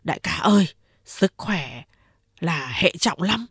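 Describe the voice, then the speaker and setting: A woman's voice: lowish voice, animated, slow pace, husky, no room sound, studio quality, full character voice. A woman voicing a loyal male underling who anxiously coaxes his boss and rebukes a young woman indignantly. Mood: fretful.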